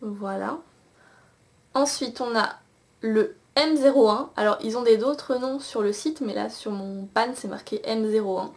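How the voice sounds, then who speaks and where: A young beauty vlogger chats into her camcorder mic while casually reviewing and swatching eyeshadows, full of fillers and restarts. Her voice sits on the high side, unhurried and a little mellow.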